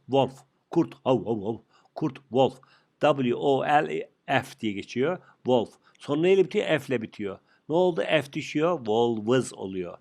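Gravelly man drilling English plurals. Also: medium pitch. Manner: joking, repetitive drilling of words. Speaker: English teacher. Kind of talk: live online grammar lesson.

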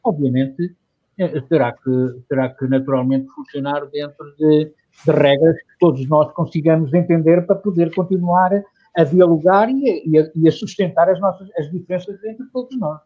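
A man's voice: fairly high pitch, moderate pace. Male guest on a muffled remote line. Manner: searching for words, many restarts. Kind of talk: discussion answer.

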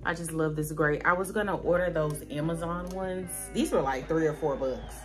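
Over music, a vlogger in her thirties with a Southern US accent speaks at a moderate pace in a low-sitting voice. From her bedroom at home she casually shows off her new things, chatty and playful, talking directly to her viewers.

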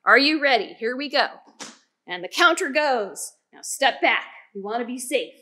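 A woman's voice: a little high, normal speed. A woman hosting a children's science lesson, talking playfully and directly to young viewers. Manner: animated, playful, talks straight to children. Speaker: children's science show host.

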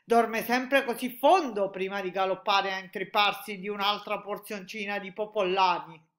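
A woman voicing a big friendly old male giant who mangles his words, speaking loudly and high. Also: fairly even intonation, normal speed, natural voice. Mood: jolly. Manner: loud, high and jolly, muddled grammar.

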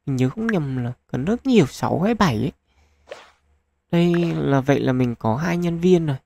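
A man casually commenting on a mobile gacha game as channel host, chatty, thinking aloud with lots of fillers and getting excited at lucky pulls. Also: on the high side, moderate pace, vocal fry, a little hiss or hum.

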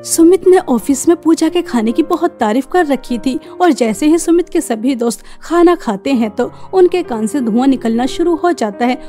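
A woman's voice: sits high, warm tone. Woman narrating a cartoon story.

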